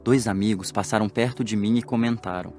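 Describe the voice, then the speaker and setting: A man's voice: on the low side, a little fast, soft background music, lightly acted. A man voicing a cheerful dead man. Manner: lively storytelling with jokey asides. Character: cheerful dead man recounting his death. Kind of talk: audiobook drama acting.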